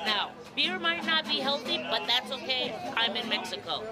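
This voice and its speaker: A middle-aged woman vlogger chats casually and emphatically to a camera or phone held at arm's length, her high-pitched, expressive voice moving at a moderate pace and often repeating words for effect. She is mostly outdoors in the streets of a hilly town, partly indoors, talking over loud music and a noisy crowd.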